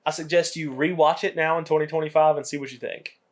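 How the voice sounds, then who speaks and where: A man's voice: on the high side, fast talker. A young man co-hosting a podcast, casually retelling comedy movie scenes and acting out the lines. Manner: animated storytelling, acts out quotes. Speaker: podcast co-host.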